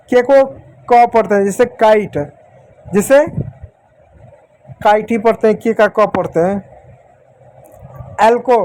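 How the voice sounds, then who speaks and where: A man with a high but dark-toned voice gives children a Hindi lesson on English letter sounds, captured in low quality. He is slow and patient, repeats example words, and regularly confirms with "ठीक".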